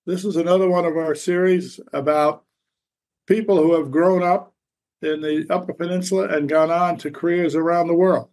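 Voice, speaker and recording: A male interviewer with a raspy voice, pitched a little high for a man. He talks conversationally as a podcast host, haltingly, doubling back on his words as he puts questions. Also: darkish tone.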